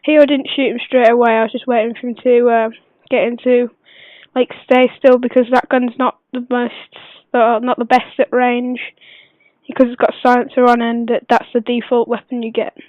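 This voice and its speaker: A woman who is unwell gives a casual gameplay tutorial voice-over, speaking quietly but clearly in a hesitant, rambling way. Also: a little high, little pitch movement, moderate pace, no room sound. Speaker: gaming video maker. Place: voice-over recorded at a computer. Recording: dull lo-fi computer recording, dry.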